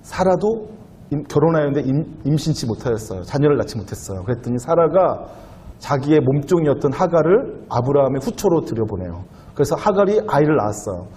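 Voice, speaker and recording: A young man preaching a sermon in a warm, mellow voice that rises and falls a great deal. He talks with the congregation like a conversation, asks them questions, and jumps into a higher voice when he acts out what someone said. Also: sing-song, brisk. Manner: conversational, acts out quoted lines in raised voice. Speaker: youth pastor.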